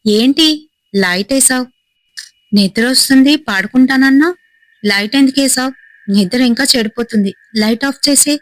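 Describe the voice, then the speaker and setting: A woman's voice: high-pitched, moderate pace, long pauses, no echo, voice pushed up, close to an everyday voice, rough recording. A woman playing an irritable sleepy young wife. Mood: irritated. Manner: annoyed, scolding.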